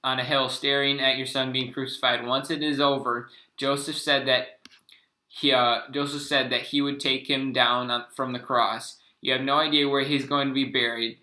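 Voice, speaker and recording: A young man reads his class presentation aloud in a flat, even voice with a bright, forceful edge. He stumbles and restarts over words. The sound carries a roomy echo. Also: mid-range voice, moderate pace.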